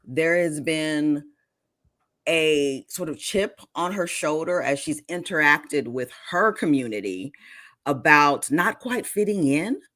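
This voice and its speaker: A woman's voice: sits low, lively intonation, takes it slowly, a bit bright, no room sound. A woman author reading from her novel and talking about her writing in a casual interview. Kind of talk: podcast interview and book reading.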